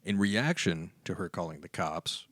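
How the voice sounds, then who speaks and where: A man's voice: low-pitched, animated, moderate pace, a bit bright, dry recording. A man co-hosting a casual podcast, telling a story in an easygoing way with dry humor. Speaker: podcast co-host.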